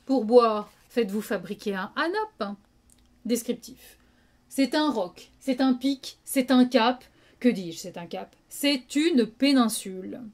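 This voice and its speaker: A woman's voice: a little high, expressive, darkish tone. A woman playing a proud, witty swordsman in hammy, declamatory theatrical verse, drawing out her words. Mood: grandiose, mocking. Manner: hammy stage acting, declamatory, with drawn-out words. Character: proud, witty swordsman Cyrano mocking an insult with flourish. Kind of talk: theatrical recitation of classic French verse monologue.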